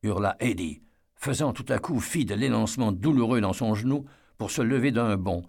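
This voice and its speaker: Gravelly-voiced man reading a story. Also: on the low side, moderate pace, a little mellow. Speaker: audiobook narrator. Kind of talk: scripted narration.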